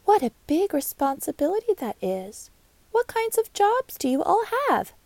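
A woman voicing a cheerful, curious young ladybug girl in a storybook, with bubbly excitement. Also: high voice, moderate pace, no room sound.

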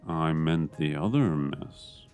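A man's voice: very deep voice, slow, music in the background. A man playing a sultry, sneaky female knife-wielding intruder in a comedy audio drama, purring and teasing.

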